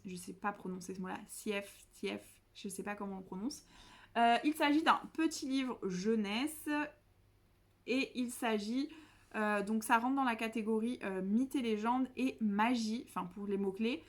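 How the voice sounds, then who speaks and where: A chatty young woman talks through her reading plans in a casual vlog. Her voice sits a little high, and she keeps stumbling, restarting and poking fun at herself as she goes. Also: moderate pace. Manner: chatty, self-mocking, many fillers and restarts. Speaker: book vlogger. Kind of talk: casual chat.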